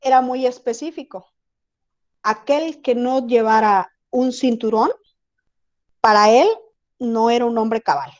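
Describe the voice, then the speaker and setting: Teacher on a muffled video call. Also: female voice, a little high, fairly even intonation, measured pace, long pauses. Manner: conversational, asks students if they follow. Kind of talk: online class lecture.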